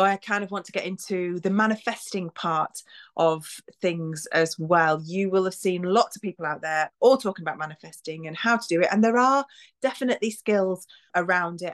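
A woman's voice: fairly low pitch, normal speed. Chatty woman in her forties. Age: 40s. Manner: chatty, with lively acted-out self-talk quotes. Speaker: podcast host. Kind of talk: reflective solo podcast talk.

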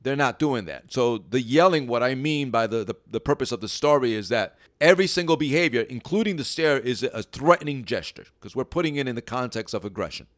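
A man's voice: medium pitch, lively intonation, brisk, hardly any pauses, dry recording, studio quality. A man who trains dogs, giving an informal teaching talk and explaining through stories, with frequent restarts. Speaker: dog trainer.

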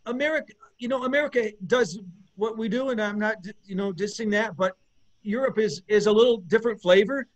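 High-voiced rambling rock bassist. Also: male voice, brisk. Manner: rambling, searching for words, lots of restarts; enthusiastic. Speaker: bass player in an eighties rock band. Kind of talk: casual interview chat.

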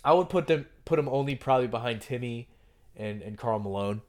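A man's voice: mid-range voice, expressive, fairly quick, a little mellow. A man hosting a podcast, talking basketball in a casual, opinionated way and often restarting his sentences. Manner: conversational, opinionated, frequent restarts. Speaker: podcast host.

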